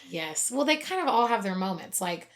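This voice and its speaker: A woman's voice: mid-range voice, very animated, normal speed. A woman co-hosting a casual podcast, chatty and enthusiastic, laughing often. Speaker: podcast co-host. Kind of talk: casual chat.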